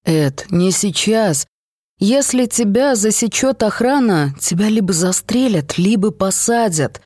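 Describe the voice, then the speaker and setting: A reader voicing a caring young woman who tries to calm her friend, in an audiobook reading. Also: medium pitch, a little slow, no room sound, clean studio sound, pitched above the performer's own voice. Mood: soothing. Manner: soothing, pleading.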